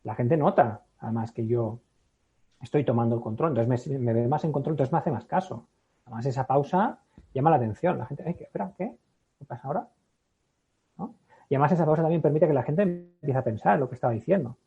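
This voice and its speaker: A man with a Spain Spanish accent, a public speaking expert explaining as a podcast guest. He talks in an animated way, acts out little scenes and keeps checking in with "¿no?". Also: mid-range voice, quick pace, vocal fry, husky. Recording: thin phone-like audio.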